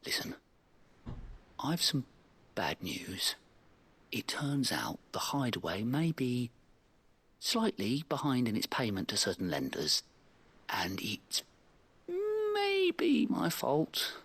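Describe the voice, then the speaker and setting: An actor playing a nervous, bumbling bookkeeper in a video game, in a breathy, often whispered voice as whispered role-play. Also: male voice, mid-range voice, wildly swooping pitch, slow, pauses often, a bit bright, exaggerated voice. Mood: sheepish. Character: sheepish bumbling bookkeeper man, nervous and evasive. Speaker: game character.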